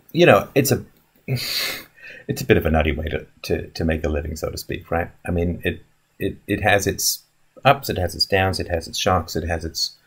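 Low husky-voiced man in his fifties. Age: 50s. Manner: musing, rambling, with frequent fillers and restarts. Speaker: live stream host answering chat questions. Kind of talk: casual live stream talk. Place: indoor room in front of a wooden wall.

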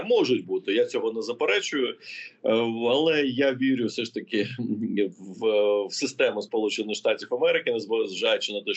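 A man working as a political analyst, answering interview questions in an explanatory way, thinking aloud as he goes. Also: fairly low pitch. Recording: muffled lo-fi audio.

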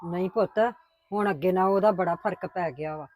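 A woman playing a patient grandmother who calmly coaxes and placates her family. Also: fairly low pitch, fairly quick, no echo, narrow, tinny audio, close to an everyday voice. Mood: gentle. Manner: coaxing, placating. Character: patient grandmother, soothing mother-in-law. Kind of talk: family drama acting.

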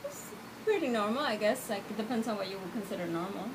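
A woman in her thirties, born in Cuba and raised in the United States, answering interview questions in a relaxed, thoughtful way. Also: medium pitch, fast, noisy background. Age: 30s. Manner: relaxed, thoughtful, with small laughs and fillers. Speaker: interview guest. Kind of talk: casual interview. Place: outdoor porch in a tropical garden.

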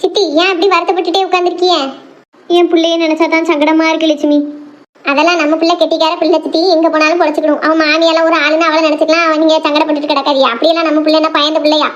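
A sharp-tongued middle-aged village mother from a homemade cartoon, played by a woman. Her voice sits extremely high and piercing. She rattles off complaints at a quick clip. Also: level tone, dull audio, natural voice. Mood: scolding. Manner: rapid, chattering, scolding. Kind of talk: cartoon voice acting.

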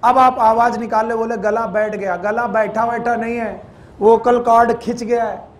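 Very high-voiced male biology teacher. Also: steady tone, normal speed. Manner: quizzes the class, scolds and jokes; mixes English terms into Hindi. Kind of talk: classroom lecture. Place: classroom with students.

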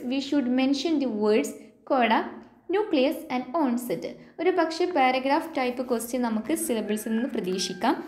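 A woman with a Malayali accent teaching an exam-prep lesson. She dictates definitions slowly and asks the viewer check questions. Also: high-pitched, a little mellow. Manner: slow English definitions dictated, then explained. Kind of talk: exam-prep lecture mixing Malayalam and English.

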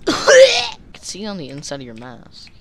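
A woman's voice: on the low side, huge pitch swings, unhurried, creaky, fairly bright tone. Giggly woman chatting over a game. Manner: giggly and playful. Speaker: gamer. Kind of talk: casual chat while playing a game.

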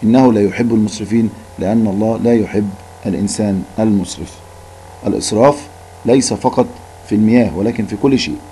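A man's voice: fairly low pitch, quick pace, dark tone, slight background noise, low-quality recording. A male Arabic teacher with an Egyptian Arabic accent giving a recorded lesson, patiently repeating words to drill them.

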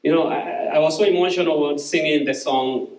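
A man's voice: a little high, steady tone, a little fast. A man, giving an earnest testimony sermon from a church stage, often repeating words as he restarts. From Kenya. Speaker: guest speaker. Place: church stage, large room. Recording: roomy church hall, somewhat distant.

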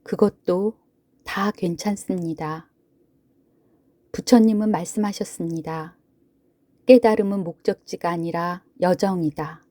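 A woman gently narrating a sleep meditation in a soothing, hushed manner, with long pauses between phrases. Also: fairly low pitch, dry recording. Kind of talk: sleep story narration, guided Buddhist relaxation.

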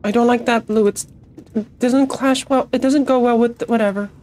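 A woman's voice: a little high, fairly even intonation, normal speed, a little mellow. A woman streaming a co-op game in casual, swear-filled chat, her voice thick with phlegm in the morning. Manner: swears a lot, blunt and chatty.

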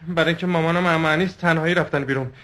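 An actor playing a stiff, overprotective man in therapy who gives defensive, halting answers. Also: a little high, fairly even intonation, a bit bright, close to an everyday voice. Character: stiff, overprotective man recounting his family. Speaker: patient.

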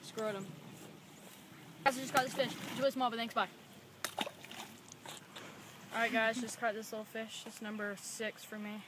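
A woman's voice: on the high side, level tone, moderate pace, long pauses, background noise. A woman talking casually in a fishing vlog outdoors by a pond, joking and laid-back.

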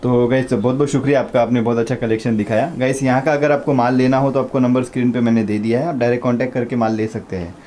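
A man's voice: mid-range voice, steady tone, quick pace, hardly any pauses, dark tone, a little hiss or hum. A man, a vlogger asking brief questions and giving short agreeing replies in a casual shop visit. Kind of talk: casual vlog interview.

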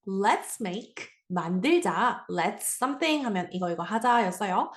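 A woman's voice: medium pitch, animated, takes it slowly, reverberant. A woman teaching an English reading lesson, patiently explaining and asking her listeners questions.

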